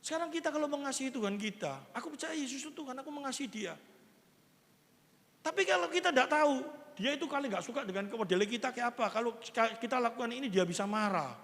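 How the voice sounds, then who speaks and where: A man, preaching a sermon as a pastor in a lively, conversational way with everyday examples. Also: extremely high pitch, gravelly. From East Java, Indonesia. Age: 60s. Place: church hall. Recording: long reverb of a church hall.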